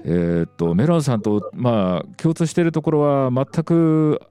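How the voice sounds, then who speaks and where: A man hosting a casual radio interview as the DJ, talking in a meandering, halting way with many small interjections. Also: medium pitch, warm tone, clear, resonant tone, dry recording. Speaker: radio DJ host.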